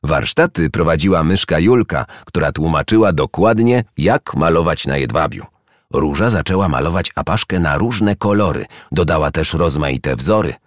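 A man narrating a children's story with expressive storytelling. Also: extremely low pitch, moderate pace, dry recording, clean studio sound.

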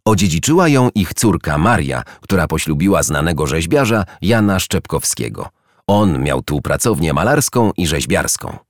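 A man narrating a children's story with expressive storytelling. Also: sits low, moderate pace, no room sound, clean studio sound.

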